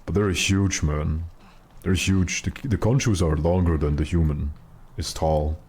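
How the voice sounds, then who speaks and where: A man with a very deep voice chatting casually with his stream viewers while gaming, in a joking, mock-serious way. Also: steady tone, unhurried, darkish tone, a little hiss or hum. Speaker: live game streamer.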